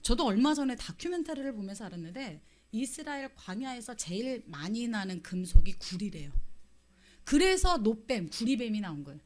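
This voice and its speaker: Middle-aged woman preacher, high voice, very lively pitch, animated storytelling with acted-out quotes. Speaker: pastor's wife preaching. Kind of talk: Christmas sermon to a congregation.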